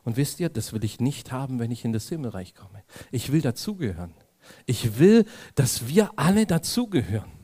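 Man preaching a lively personal story. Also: medium pitch, moderate pace, husky. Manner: animated storytelling, acts out dialogue; addresses audience directly. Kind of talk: sermon with personal anecdote.

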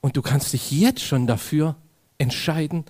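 Man preaching a lively personal story. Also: a little high, a little slow. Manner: animated storytelling, acts out dialogue; addresses audience directly. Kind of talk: sermon with personal anecdote.

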